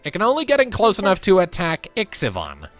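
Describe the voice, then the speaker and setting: Casual gm dude narrating the game, bouncy lively voice, lots of likes and uhs. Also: male voice, high-pitched, fairly quick, faint music behind. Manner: chatty, animated, filler-heavy. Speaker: game master.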